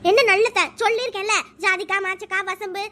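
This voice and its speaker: A woman's voice: very high voice, little pitch movement, fast, sharp tone. A woman voicing a bossy older village mother-in-law in a cartoon, always scolding. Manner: scolding, domineering. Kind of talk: cartoon voice acting.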